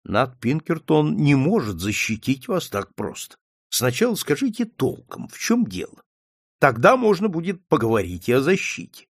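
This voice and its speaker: A man's voice: fairly high pitch, sing-song, normal speed, breathy edge, no room sound, heavily acted. A man voicing a composed, stern detective who speaks dryly and firmly, in an audiobook reading. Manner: dry, firm, sometimes gentle.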